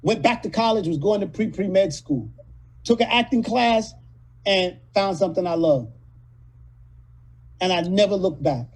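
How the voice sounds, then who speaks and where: A man in his late fifties from California, telling rough, profane stories as a guest in a casual interview. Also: high voice, lively intonation, a little slow, pauses often, low-quality recording. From California, USA. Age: 50s. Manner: profane, rambling, street-talking storyteller. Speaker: actor guest.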